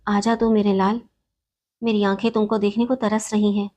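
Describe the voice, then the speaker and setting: A woman's voice: medium pitch, little pitch movement, dark tone, close to an everyday voice. A grieving aging mother from a spoken storybook, pleading and tearful as she longs for her missing son, read out by a woman storyteller. The voice sits at an ordinary middle height for a woman and stays close to the reader's own.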